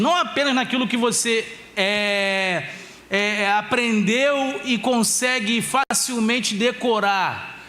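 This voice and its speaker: High-voiced male pastor preaching passionately. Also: sharp tone. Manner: impassioned preaching, slowing to stress key phrases; storytelling with family anecdotes. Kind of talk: sermon. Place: church conference stage.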